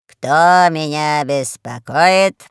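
A performer voicing a fat, lazy alien overlord who speaks in a slow, low drawl, in an audiobook. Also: smooth, no echo, clean studio sound. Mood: lazy menace.

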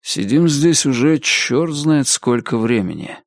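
A man's voice: expressive, unhurried, no room sound, studio quality. A man reading an audiobook, voicing the impatient inner thoughts of a sardonic police detective. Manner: brusque inner thoughts, low voice.

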